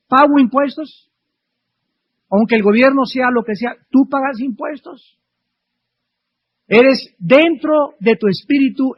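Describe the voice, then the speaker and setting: Fervent preacher man, husky and high. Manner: fervent, rhetorical questions, swings from loud to soft. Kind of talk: sermon. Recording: dull lo-fi archive recording.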